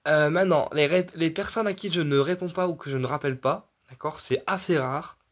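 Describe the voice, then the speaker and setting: Man, somewhat high voice, rambling, lots of fillers and restarts, talks straight to viewers. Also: fairly quick. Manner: rambling, repeats himself, many fillers and restarts; addresses viewers directly, checking in with "d'accord". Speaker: medium offering paid readings. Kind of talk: casual direct-to-camera explanation.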